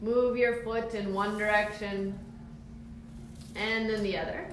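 A woman instructor leading a calm guided grounding exercise, giving soothing, encouraging step-by-step cues for relaxing the body. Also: mid-range voice, slow pace. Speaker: movement and mindfulness instructor. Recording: very echoey room, faint background noise.

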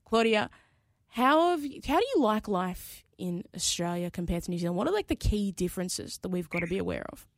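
A woman's voice: on the low side, very animated, fast, gravelly, few pauses, a little mellow, dry recording, studio quality. A woman co-hosting a podcast, chatting casually about sport. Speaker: podcast co-host.

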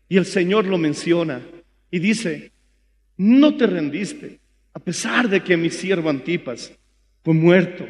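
Fervent high-voiced Bolivian preacher. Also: male voice, big-room sound. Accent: Bolivian Spanish. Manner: fervent preaching, rising to shouts. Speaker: pastor. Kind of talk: sermon.

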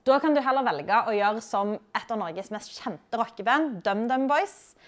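A woman's voice: fairly high pitch, expressive. A woman hosting a writing-tips show, explaining in a friendly, direct teaching manner, recorded at a library and culture house. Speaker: host giving writing tips. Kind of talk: scripted explanatory lesson.

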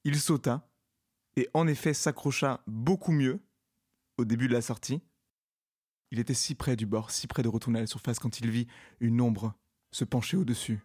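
A man improvising a comic story in a deadpan, absurd way. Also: medium pitch, moderate pace, long pauses, husky, no room sound, studio quality.

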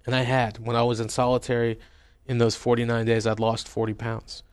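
A journalist and author recounts his experiences in an interview, telling personal stories in a wry, conversational style with lots of fillers and restarts. His mid-range voice is smooth and monotone, moving fairly quickly.

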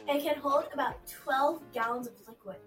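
A woman's voice: high voice, moderate pace, a bit bright. A woman playing a goofy co-host in a scripted class podcast skit. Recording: roomy, distant, with music behind.

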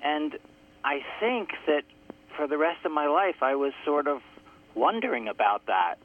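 A man speaking as a guest author in a phone-in radio interview, heard through a crackly phone line that fades in and out, telling his story slowly and reflectively. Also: fairly high pitch, sing-song. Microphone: telephone. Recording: tinny telephone line.

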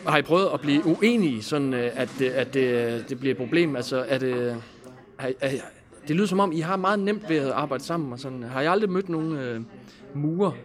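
A man's voice: mid-range voice, expressive. A Danish man interviewing a band, asking informal, searching questions. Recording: crowd chatter in the background. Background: crowd.

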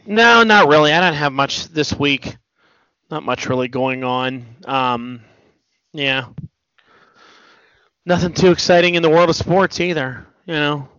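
A middle-aged man co-hosting a podcast in casual chat, a rambling, animated storyteller who restarts sentences. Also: on the high side, unhurried, pauses often, clear, resonant tone, no echo, lo-fi sound. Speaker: podcast co-host.

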